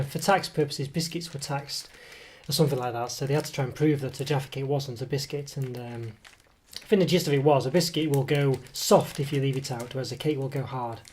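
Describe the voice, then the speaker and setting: Recorded on a table camera mic, a food reviewer with a cold gives a casual review of a snack at an indoor table, his voice fading in and out. He rambles hesitantly with lots of fillers and self-corrections. His medium-pitched voice has a darkish tone, with a little hiss or hum.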